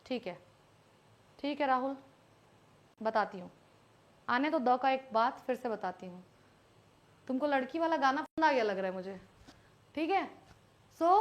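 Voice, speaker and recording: A woman teaching English grammar in a live online class, speaking Hindi with English mixed in. She is patient and repeats words slowly so they stick. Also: high-pitched, expressive, pushed and bright, muffled recording.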